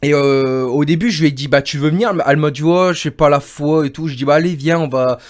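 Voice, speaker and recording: A man's voice: on the high side, fairly quick. A man casually telling a long rambling story to a friend on a livestream, padding it with the same filler phrases over and over. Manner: rambling, keeps repeating "en gros" and "et tout".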